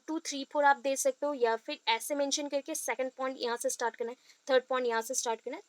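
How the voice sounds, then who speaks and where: A woman teacher from India lectures in a high, bright voice. She switches between Hindi and English and keeps asking her listeners questions. The recording is close and dry. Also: no room sound. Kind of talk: explanatory classroom lecture.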